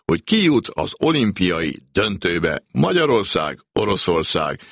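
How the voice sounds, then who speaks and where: Low-voiced male radio presenter, very dry sound. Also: big pitch swings, creaky, fairly bright tone, husky, dry recording. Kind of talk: scripted retrospective narration.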